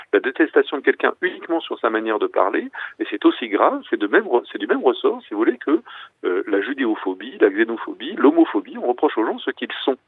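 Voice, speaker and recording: Fast-talking man on a phone line. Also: medium pitch, no echo. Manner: passionate, argumentative. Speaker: guest author. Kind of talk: phone-in radio interview. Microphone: telephone. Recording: tinny dry phone line.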